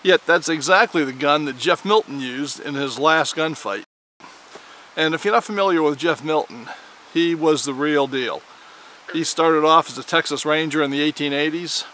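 A man with a bright, somewhat high voice recounts history in a folksy, animated storytelling style. He talks like a video host walking viewers through a tale, over a faint hum of noise behind him. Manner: animated storyteller, with dramatic shouted quotes.

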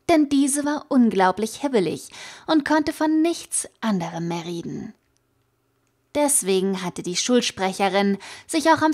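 Woman narrating a fan audiobook. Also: medium pitch. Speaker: fan fiction reader.

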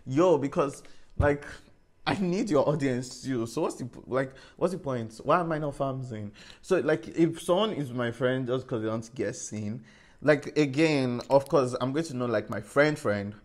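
A young man chats away while putting on his makeup. His pitch sits in the middle for a man, and his talk is sassy and loose. He leans on "like" and tags his points with "period". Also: normal speed. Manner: chatty, sassy, full of "like" and "period". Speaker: beauty influencer. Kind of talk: casual chat while doing makeup.

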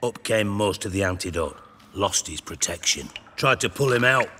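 There's slight background noise behind this fairly low, expressive male voice, which moves at a moderate pace and sounds pushed and bright. Acting for a video game, he plays a self-important, irritable crime boss who is clipped, sardonic and foul-mouthed, with a dry, irritated mood.

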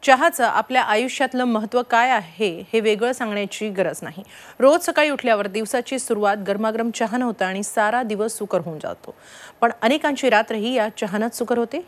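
A woman's voice: a little high, a little fast. A female news anchor giving a formal story introduction.

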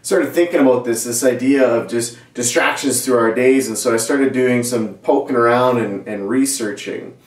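A man in his forties, a pastor giving a conversational sermon to camera in a small indoor studio set, with many restarts and animated gestures. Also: medium pitch, moderate pace, hardly any pauses. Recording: roomy echo, mic at a distance.

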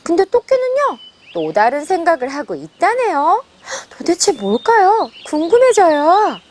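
A woman's voice: extremely high pitch, measured pace, a little hiss or hum. A woman teacher reading a picture book aloud and explaining it, often asking her listeners questions. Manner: animated, asks listeners questions.

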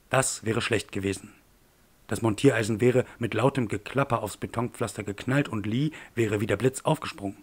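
A man reading a thriller audiobook in a measured, tense storytelling manner. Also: on the low side. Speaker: audiobook narrator. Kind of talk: scripted audiobook narration.

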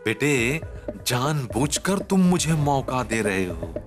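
An actor playing a sly, melodramatic uncle who stammers and pleads with theatrical self-pity, in a TV comedy drama with music underneath. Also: male voice, medium pitch, big pitch swings, slow. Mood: menacing. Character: sly middle-aged uncle, melodramatic schemer. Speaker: scheming uncle. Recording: background music under dialogue.

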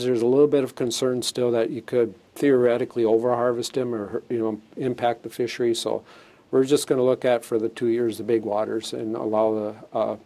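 Wearing a lapel mic in a studio, the fisheries chief, a middle-aged man, walks through new regulations during an interview. He talks plainly, with fillers and restarts, in a medium-pitched, dark-toned voice.

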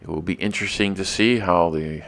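Deep-voiced man narrating a walking tour. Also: fairly quick, gravelly. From not from the local area. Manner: relaxed, chatty guide with small restarts.

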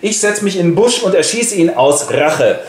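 A man's voice: sits high, animated, normal speed, roomy sound, voice pushed up. An actor playing a proud, stubborn male archer hero who talks bluntly and casually.

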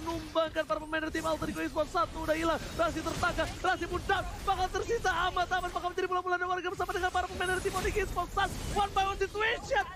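A man calls play-by-play as an excited fighting game announcer. His voice sits very high and races along in breathless hype, hammering on names as he goes. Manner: excited, rapid-fire hype calling with repeated names. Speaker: esports play-by-play caster.

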